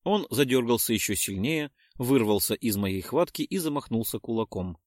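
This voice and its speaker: A male narrator reads a tense first-person story in a steady, mid-pitched voice. The recording is dry and close, with no room sound. His delivery builds to urgent shouts in the dialogue. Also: normal speed, no echo. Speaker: audiobook narrator.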